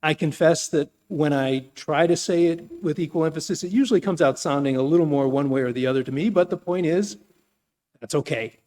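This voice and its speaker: A man introduces the guest speaker in a measured, gracious way with a light touch of humor. His voice sits a little high. It carries a long reverb from the meeting hall around him. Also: darkish tone. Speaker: Sunday officiant introducing the speaker. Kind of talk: formal congregational introduction.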